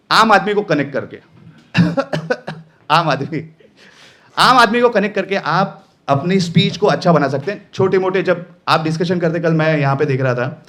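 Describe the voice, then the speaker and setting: Male workshop trainer, high voice, emphatic and playful delivery. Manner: animated, emphatic, playful teaching. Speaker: voice-over trainer. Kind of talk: live workshop lesson.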